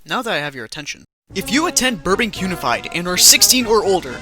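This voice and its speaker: Student announcer, high lively voice, punchy promo read over music. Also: male voice, fast talker. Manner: punchy, attention-grabbing. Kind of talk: comedic promo segment. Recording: music bed underneath.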